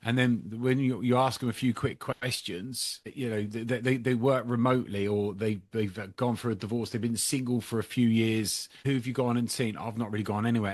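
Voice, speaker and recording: A man's voice: mid-range voice, dry recording. A man who is a therapist hosting a podcast interview; he reads a scripted introduction and stammers and repeats words in conversation.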